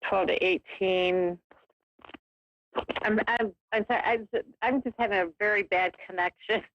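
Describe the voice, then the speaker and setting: A woman's voice: medium pitch, steady tone, unhurried. A woman calling in on a clipped phone line that keeps cutting out, talking in a hesitant, apologetic way. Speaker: caller. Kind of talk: call-in chat over the phone. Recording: dull, dry, breaking-up phone line.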